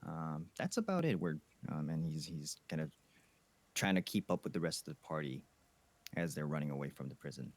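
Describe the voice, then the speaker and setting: A man playing a tabletop game, describing his character in casual chat with lots of ums and pauses. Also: rumbling low, sing-song. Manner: halting, many ums.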